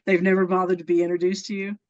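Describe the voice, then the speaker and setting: A woman's voice: lowish voice, level tone, rapid-fire. A woman being interviewed, telling personal stories in an earnest, enthusiastic way and laughing often. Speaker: interview guest. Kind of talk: casual storytelling interview. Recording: dull lo-fi sound.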